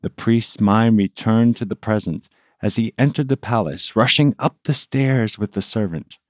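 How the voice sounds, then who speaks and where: A man, a priest, narrating a scripted family story in a measured, reverent way. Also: fairly low pitch, no room sound, studio quality.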